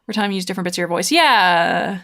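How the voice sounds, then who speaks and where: A woman's voice: on the low side, lively intonation, fast talker, fairly bright tone. A woman livestreaming a game, chatting casually in a slangy, rambling way as she thinks aloud and answers her viewers. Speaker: livestreamer, VTuber playing online mahjong. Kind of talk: casual livestream chat while gaming, replying to chat.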